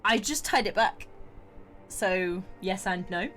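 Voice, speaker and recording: A woman's voice: medium pitch, takes it slowly. A woman streamer giving playful, casual commentary as she plays a video game. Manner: playful, swings from muttering to loud exclamations. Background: music.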